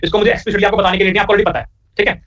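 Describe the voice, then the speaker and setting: Rapid-fire high-voiced male tutor. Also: little pitch movement, a bit bright. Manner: rapid, repeats questions back to students, joking asides. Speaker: programming teacher. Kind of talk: live coding lecture. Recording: distant, dull lo-fi recording.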